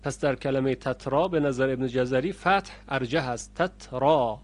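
A man teaching the rules of Quranic recitation. He speaks to his students and stops to chant each example word slowly and loudly. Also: medium pitch. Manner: addresses learners directly. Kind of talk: recorded lesson on Quranic readings.

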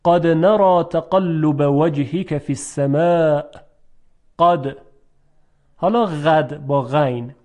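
Man teaching pronunciation, slow careful drills. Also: on the high side, warm tone. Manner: slow drawn-out example words between quick explanations; clear, careful articulation. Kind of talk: language lesson.

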